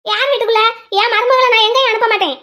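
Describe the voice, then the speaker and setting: A woman voicing a sharp-tongued, bossy mother-in-law in a cartoon, scolding as she talks. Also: very high-pitched, steady tone, racing. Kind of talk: cartoon voice acting.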